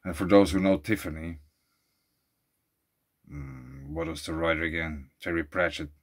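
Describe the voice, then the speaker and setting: This Swiss man, speaking in a bass voice with fairly even intonation and a slightly slow pace, vlogs outdoors at a lakeside beach. In his casual, musing monologue he reads out facts, then rambles into loose asides as he thinks aloud.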